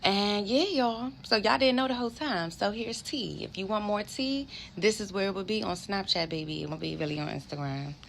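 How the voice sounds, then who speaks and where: A woman's voice: mid-range voice, moderate pace, creaky, few pauses, fairly bright tone, a little hiss or hum. A woman in her twenties, a vlogger, candidly telling viewers a personal story in casual talk and swearing freely.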